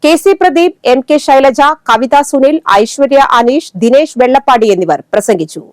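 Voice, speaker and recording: Female studio anchor, steady formal read, high-pitched, dry close mic. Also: moderate pace, no echo. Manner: steady, formal bulletin reading. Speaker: news anchor. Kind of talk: scripted news reading.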